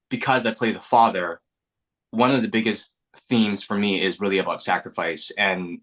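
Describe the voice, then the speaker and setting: A Canadian actor whose first language is Mandarin chats casually in an interview, reflective and earnest, with frequent restarts and repeated words. His voice is low with a bright, earnest tone.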